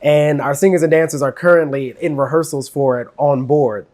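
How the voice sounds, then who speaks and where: A man's voice: on the high side, fairly even intonation, brisk, background noise. Upbeat, enthusiastic male cruise director. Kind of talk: casual interview, promotional chat.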